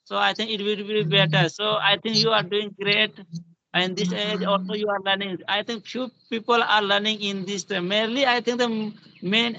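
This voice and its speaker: A man in his thirties with an Indian accent talks casually in broken English, often restarting his phrases. His voice is high and bright with plenty of creak. It comes over a dull online call. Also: slight background noise. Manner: broken English with repeats and self-corrections. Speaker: English learner. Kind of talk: casual spoken-English practice chat.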